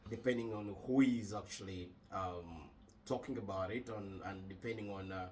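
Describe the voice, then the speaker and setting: A man from Uganda co-hosting a casual podcast chat, measured and thoughtful with frequent hesitations. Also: on the low side, a little mellow, recorded from a distance, slight background noise. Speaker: podcast co-host.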